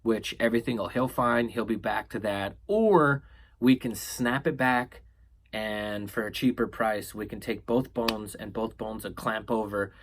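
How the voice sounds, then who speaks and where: A man quoting a doctor calmly laying out two treatment choices. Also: lowish voice, measured pace, slight background noise. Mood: calm explaining. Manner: matter-of-fact, explaining. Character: calm male doctor explaining treatment options.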